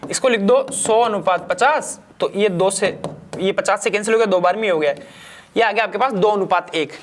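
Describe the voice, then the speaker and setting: A man's voice: high-pitched, normal speed. A man coaching exam candidates, walking through math questions step by step, asking and answering his own questions in a casual, repetitive classroom manner. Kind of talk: step-by-step math problem walkthrough.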